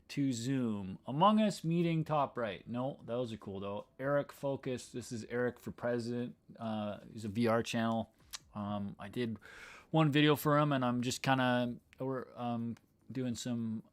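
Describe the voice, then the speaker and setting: A man who edits video, chatting casually on a livestream as he works, thinking aloud, trailing off and restarting his sentences. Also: medium pitch. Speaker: video editor. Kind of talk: casual livestream talk while editing.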